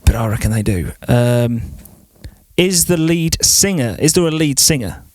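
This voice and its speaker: A man's voice: mid-range voice, animated, moderate pace, a little mellow. An English man co-hosting a podcast, chatting casually during a guessing game and laughing often. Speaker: podcast co-host.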